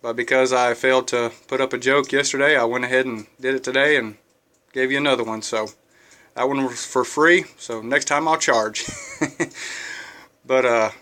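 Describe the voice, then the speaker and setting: A man's voice: mid-range voice, sharp tone. A man telling jokes casually to his viewers, folksy and full of filler uhs. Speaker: joke-telling vlogger.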